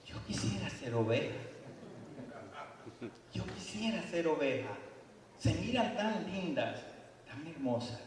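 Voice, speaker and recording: A man voicing a male wolf who longs to be a sheep, speaking softly and wistfully, heard in an echoey hall from a distance. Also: high voice, wildly swooping pitch, takes it slowly, background noise, heavily acted. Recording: echoey church hall from afar.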